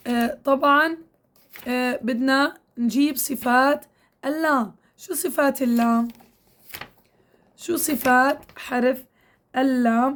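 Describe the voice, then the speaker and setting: A high-pitched woman gives a recitation lesson. She speaks patiently and coaxingly to her women students. She stretches out drill syllables and repeats them slowly. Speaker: Quran recitation teacher. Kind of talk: tajweed lesson to women learners.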